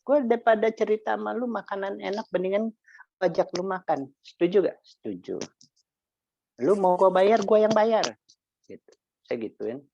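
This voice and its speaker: Gravelly man telling a lively story. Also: high-pitched, moderate pace, dry recording, lo-fi sound. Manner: animated storytelling in slangy street talk, acting out both sides of a conversation. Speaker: insurance agent sharing experience. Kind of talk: motivational sharing session.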